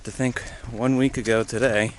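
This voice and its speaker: A young man casually vlogging while hiking a mountain trail, talking in a halting, easygoing way with many fillers, sometimes out of breath. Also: medium pitch, fairly even intonation. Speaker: thru-hiker vlogger. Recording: outdoor clip with clear background noise.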